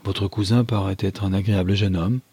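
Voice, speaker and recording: A man's voice: sits low, fairly even intonation, a little fast, mellow, husky, no echo, exaggerated voice. A man playing a haughty, stiff army captain. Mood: cold, superior. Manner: cold and condescending.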